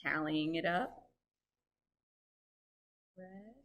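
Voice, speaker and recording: A woman presenting a live, lively lesson for families, chatting and asking her audience questions. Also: deep voice, extremely slow. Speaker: library program presenter on birds.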